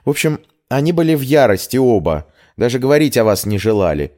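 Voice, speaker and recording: A man's voice: medium pitch, very animated, brisk, warm tone, voice pushed up, close to an everyday voice. A man voicing a loyal young maid in an audiobook, chatty and indignant, addressing her mistress deferentially. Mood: reporting.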